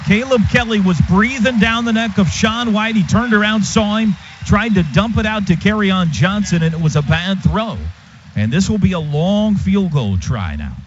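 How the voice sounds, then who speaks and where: Speaking from a stadium radio booth, an expressive American man with a fairly high voice calls football action live at a moderate pace. He uses clipped, vivid phrasing over a dull, noisy radio feed.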